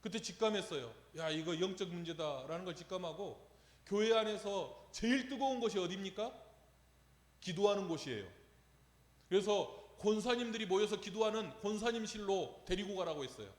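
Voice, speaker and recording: In an echoey church sanctuary with long reverb, a pastor preaches a sermon, telling a story and posing rhetorical questions to the congregation. His voice sits high, with lively intonation and a moderate pace.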